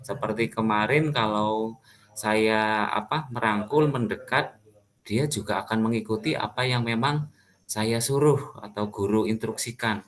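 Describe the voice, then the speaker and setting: A man teacher, giving his view in a measured, thoughtful way with fillers. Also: on the low side. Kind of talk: group discussion among teachers.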